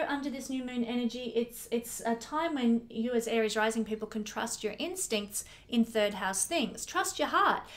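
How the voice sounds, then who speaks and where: Woman, astrologer, casual forecast, fairly high voice, chatty, self-correcting. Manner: chatty, laughs often, corrects herself.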